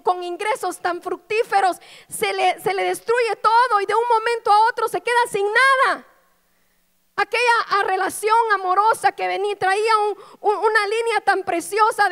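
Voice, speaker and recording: A woman pastor with a Guatemalan accent preaching a sermon, telling a personal story with deep emotion and dropping to soft, low tones as she recounts it. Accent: Guatemalan Spanish. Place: church sanctuary. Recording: reverberant church hall.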